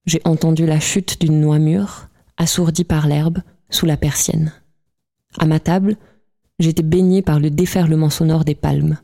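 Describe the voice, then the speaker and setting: A woman reading a novel aloud as an audiobook in a calm, measured way. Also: low-pitched, gravelly. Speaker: audiobook reader. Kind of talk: scripted literary narration.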